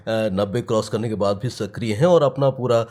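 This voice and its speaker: A man's voice: on the low side, brisk, a little mellow. A man hosting an interview, asking courteous, formal questions and often murmuring agreement. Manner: courteous, with frequent affirming murmurs. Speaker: interviewer, host.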